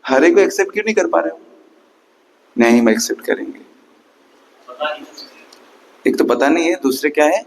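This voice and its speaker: A man's voice: on the high side, lively intonation, normal speed, gravelly, long pauses, slight background noise, rough recording. A man giving a Sunday class sermon, emphatic and questioning his listeners, counting and chanting aloud at times. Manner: emphatic, rhetorical questions to the audience. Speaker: preacher.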